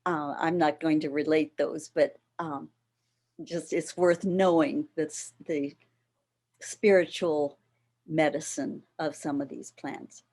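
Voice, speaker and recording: A middle-aged woman giving an explanatory workshop talk on a video call, unhurried and warm with occasional soft laughs. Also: low-pitched, steady tone. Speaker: workshop presenter. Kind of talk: educational talk on plant foods.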